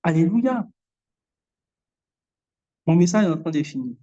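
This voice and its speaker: A woman preaching a sermon in a lively way, acting out the voices she quotes. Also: fairly low pitch, unhurried. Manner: animated, mimics voices. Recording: dull lo-fi sound.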